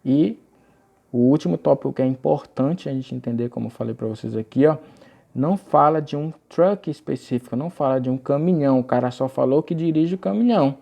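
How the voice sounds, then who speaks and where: A young man teaching English grammar in a recorded video lesson, explaining patiently and reading example phrases aloud slowly. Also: mid-range voice, vocal fry, lo-fi sound.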